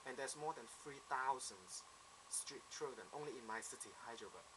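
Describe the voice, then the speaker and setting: A man's voice: medium pitch, expressive, normal speed, background noise. A man in his twenties from Hong Kong, speaking with a Hong Kong accent, earnestly telling his own story in a self-introduction video. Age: 20s. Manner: earnest, plain storytelling with simple phrasing. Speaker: applicant.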